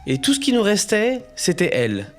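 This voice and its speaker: A young adventurer, played by a man narrates his own storybook tale. His high voice moves expressively up and down, full of suspense, with clear music behind. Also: huge pitch swings, normal speed. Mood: suspenseful. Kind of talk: dramatic scripted first-person storybook narration.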